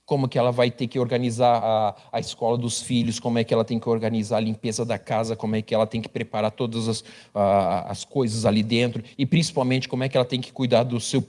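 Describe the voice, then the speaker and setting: A man, preaching a sermon as pastor with humorous, animated storytelling. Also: medium pitch, fast, hardly any pauses.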